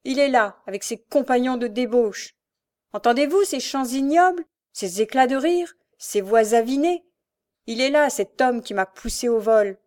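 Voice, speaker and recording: A woman's voice: a little high, normal speed, darkish tone, close to an everyday voice. A woman voicing a desperate, tormented young woman thief with pleading, impassioned outbursts. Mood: anguished.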